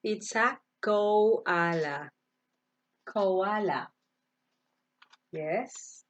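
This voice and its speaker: A woman teaching English to primary school children, saying each animal word slowly and asking the kids to repeat it. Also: medium pitch, lively intonation, dull audio. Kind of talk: online class, slow vocabulary drill. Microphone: computer mic, virtual class.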